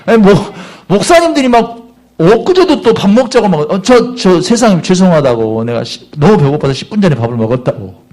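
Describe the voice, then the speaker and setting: Male pastor, middle-aged, Sunday sermon, asks the congregation questions, lively pitch. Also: fairly quick. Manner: animated preaching, questions the congregation directly. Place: church service.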